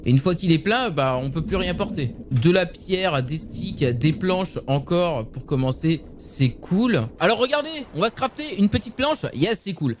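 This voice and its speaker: A young man casually commenting on a survival game for his viewers, excitable and swearing often. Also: high voice, normal speed, few pauses, a little hiss or hum. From France. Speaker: gaming youtuber.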